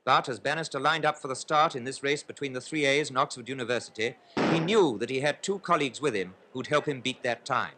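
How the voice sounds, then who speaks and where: A man giving old newsreel commentary on a race, formal and brisk, with play-by-play that builds in excitement. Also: medium pitch, slight background noise.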